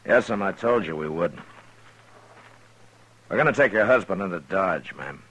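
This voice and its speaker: An American man acting a stern, level-headed Old West marshal in a 1950s radio western, speaking in a measured, firm, understated way. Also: low-pitched, lively intonation, fairly bright tone, breathy edge, exaggerated voice. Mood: stern, resolute. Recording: noisy 1950s radio broadcast recording.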